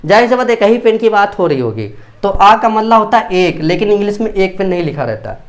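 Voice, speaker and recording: High-voiced male teacher, explaining patiently. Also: big pitch swings, fairly quick. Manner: repeats points and checks understanding often. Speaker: English teacher. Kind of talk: classroom grammar lesson in Hindi.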